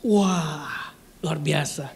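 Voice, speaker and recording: A preacher giving a live-streamed church sermon, swinging from loud peaks to hushed lines and asking the congregation questions. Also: medium pitch, drawn-out words.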